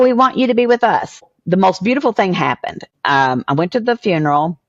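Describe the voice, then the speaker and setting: A woman in her sixties from a small town, a podcast guest, telling her family story in an animated way that acts out what others said. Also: lowish voice, dry recording, dull audio. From southern US small town. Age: 60s. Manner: animated storyteller acting out quoted voices. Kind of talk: emotional storytelling interview.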